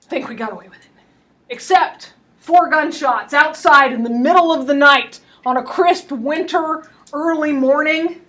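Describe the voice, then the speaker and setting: Woman history lecturer, high voice, wry storytelling, distant classroom mic. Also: a little slow. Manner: lively, wry, laughing asides.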